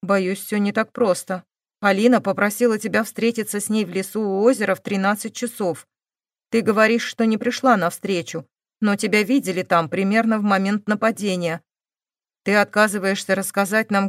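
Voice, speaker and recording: Woman voicing a calm stern male detective, measured questions, dry close sound. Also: mid-range voice, dry recording, natural voice.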